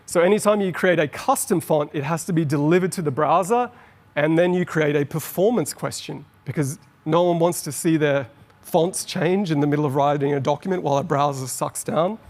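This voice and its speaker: On stage in a large conference hall with long reverb, a middle-aged Australian man gives a keynote presentation. He explains things with enthusiasm and speeds up on asides, his voice fairly high-pitched with a darkish tone.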